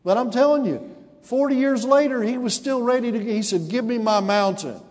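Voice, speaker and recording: In a very high, slightly mellow voice at a moderate pace, a pastor in his forties preaches to his congregation, trading calls and responses and climbing to emphatic peaks. A long reverb tail follows his words.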